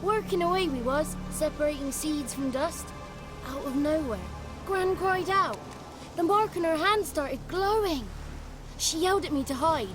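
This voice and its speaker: A man's voice: extremely high pitch, unhurried. An actor voicing a small, nervous and cheeky male goblin creature, telling his story in a folksy, rustic way. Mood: fretful. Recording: game audio with loud music.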